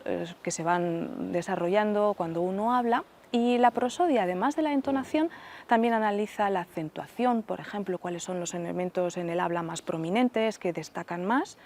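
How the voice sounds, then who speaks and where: A woman professor, a guest on a radio interview, explaining speech sounds in a measured way with examples. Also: medium pitch, darkish tone, a little hiss or hum. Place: radio studio.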